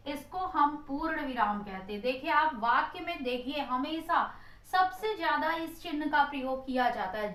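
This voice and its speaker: A woman's voice: sits high, fairly bright tone, reverberant, rough recording. A woman teacher giving an exam-prep grammar lesson. She asks questions, answers them herself, and repeats key phrases for emphasis.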